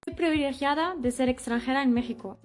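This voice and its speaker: A woman's voice: high-pitched, fairly quick. French woman telling a blunt story. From France. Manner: frank, critical storytelling. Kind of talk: monologue to camera.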